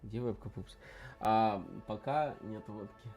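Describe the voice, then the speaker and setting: A man's voice: lowish voice, takes it slowly, dull audio. A man chatting casually on a livestream as he plays, talking to his chat in slangy, informal asides. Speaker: game streamer. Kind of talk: casual livestream chat while playing a game. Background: game music.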